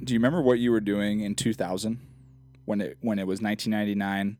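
A man's voice: lowish voice, little pitch movement, fast, a little mellow, no room sound. A married man co-hosting a casual chat, easygoing and asking curious questions.

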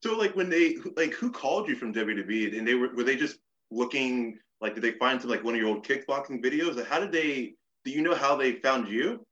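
A man's voice: medium pitch, lively intonation, a little fast, hardly any pauses, fairly bright tone. A man hosting a podcast, asking questions in a casual, upbeat interview chat. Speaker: podcast host. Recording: dull lo-fi sound.

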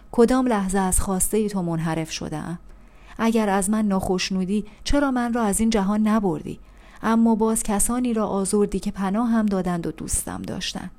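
A woman's voice: mid-range voice, dark tone, natural voice. A woman reading aloud, voicing an anguished male prophet who cries out in bitter reproach to God over a ruined city. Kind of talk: audiobook reading.

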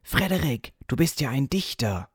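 A man reading a storybook aloud and voicing a chorus of small, eager field mice who ask high, pleading questions. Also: big pitch swings, moderate pace, darkish tone, slightly rough, no echo, studio quality. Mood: admiring.

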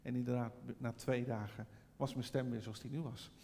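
A man's voice: mid-range voice, fairly even intonation, normal speed, dark tone, long reverb tail, slight background noise. A middle-aged man preaching a sermon, telling a personal story and then rising into fervent preaching. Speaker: pastor.

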